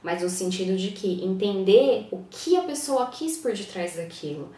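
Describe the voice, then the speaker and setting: A woman coaching on communication, explaining calmly and often checking in with her listeners with short tag questions. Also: mid-range voice, moderate pace, roomy sound, distant mic. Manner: reflective, frequent tag questions. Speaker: NLP coach. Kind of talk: casual teaching talk to camera.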